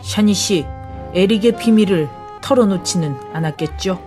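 A woman voicing a mysterious, calm older foreign man in an audiobook drama, speaking low, hushed and measured. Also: faint music behind, close to an everyday voice. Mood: secretive.

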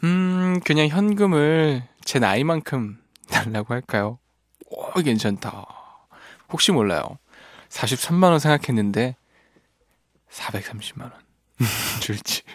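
A man's voice: medium pitch, lively intonation, measured pace, long pauses, dry recording. A man hosting a radio show in a studio, reading listener messages and teasing them playfully with frequent laughs. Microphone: studio microphone.

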